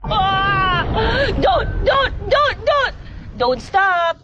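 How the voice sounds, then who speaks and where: A woman's voice: extremely high pitch, big pitch swings, extremely slow, lo-fi sound, over a noisy crowd, heavy background noise, heavily acted. A woman playing a spoiled, bratty young woman throwing a dramatic, whiny tantrum.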